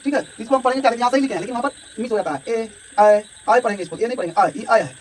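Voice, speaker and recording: A man's voice: extremely high pitch, rapid-fire. A man teaching a grammar lesson, explaining step by step and often checking in his students. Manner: explanatory, repeats "ठीक है" and addresses students directly. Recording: distant mic with faint background noise.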